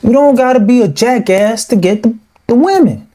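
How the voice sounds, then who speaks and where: A man hosts a reaction video, throwing out hyped slang and calling his viewers "boys." His voice is mellow and warm, and his talk stays loose and casual. He sounds like he's hanging out, not reading a script. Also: very high voice, animated, normal speed.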